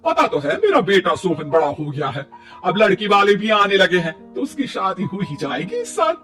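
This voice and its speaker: A man's voice: high-pitched, sing-song, moderate pace, fairly bright tone. A man voicing a boastful, jealous older mother-in-law in a cartoon story. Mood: haughty. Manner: boastful, snappy. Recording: distant mic, faint music.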